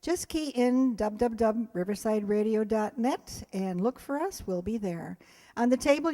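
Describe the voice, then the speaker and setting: Her voice is medium-pitched, gravelly and dark as she offers informal closing announcements and thanks on behalf of a community players' group. She speaks live before an audience in a chatty, unscripted, rambling way.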